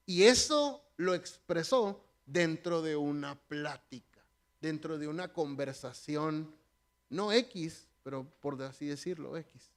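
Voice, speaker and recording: Animated high-voiced preacher. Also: male voice. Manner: animated, joking, talks straight to the congregation. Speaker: pastor. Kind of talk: conversational sermon.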